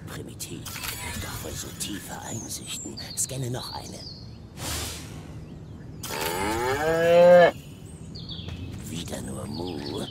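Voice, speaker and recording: An actor playing a haughty, scheming alien commander in a video game, pompous, theatrical and disdainful. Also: male voice, rumbling low, expressive, unhurried, noisy background, full character voice. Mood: imperious.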